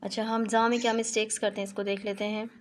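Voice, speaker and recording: A young woman teaching Quran recitation, demonstrating each letter sound slowly and then explaining it, with a few English phrases mixed in. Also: mid-range voice, level tone. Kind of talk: online lesson on letter pronunciation.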